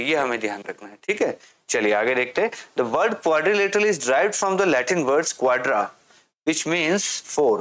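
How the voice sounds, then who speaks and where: A man whose voice is fairly high and a little bright teaches maths in a classroom-style explanation. Questions come from him and so do the answers, along with slow readings in English.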